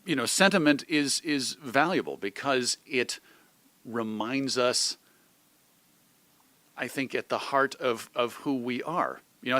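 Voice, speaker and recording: An American man, an old-time radio host and magazine editor, answers as an interview guest with thoughtful, articulate replies, often reaching for examples. His voice is medium-pitched with a sharp tone, and there's no echo.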